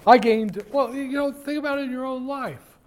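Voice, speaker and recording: A very high-pitched man lectures on finance at a moderate pace in a university classroom. He addresses his students directly, joking and drifting into digressions, with many fillers and sentences he keeps restarting.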